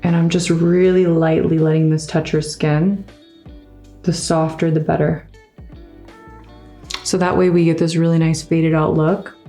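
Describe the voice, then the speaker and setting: A woman makeup artist narrating a tutorial in a calm, instructive way, with playful teasing. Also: lowish voice.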